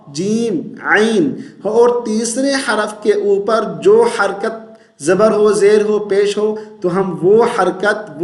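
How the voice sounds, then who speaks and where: A man teaching Quran recitation and pronunciation, patiently repeating syllables slowly and chanting verses in drawn-out tones. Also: high voice, echoey room. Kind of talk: tajweed pronunciation lesson.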